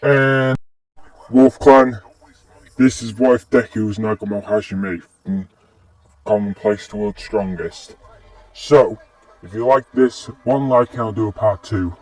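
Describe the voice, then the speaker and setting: Slow, rambling male storyteller, casual; dry, distant mic. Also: on the low side, a little mellow. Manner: rambling, with restarts. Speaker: fan story narrator.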